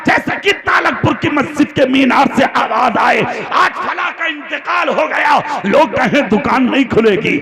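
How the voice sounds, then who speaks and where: A male preacher from Moradabad giving an impassioned sermon to a gathering, repeating refrains, often breaking into shouts and coaxing the crowd to respond. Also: very high-pitched, animated, a little slow, creaky, few pauses. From Moradabad, India. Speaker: Islamic preacher. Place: religious gathering on a stage. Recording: echoey public-address sound at a gathering.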